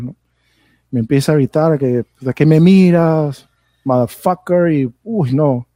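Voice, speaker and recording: A Peruvian man with a Peruvian Spanish accent and a dark-toned voice on the high side speaks with no room sound. As a podcast guest, he rambles casually through anecdotes, tagging phrases with a questioning "¿no?".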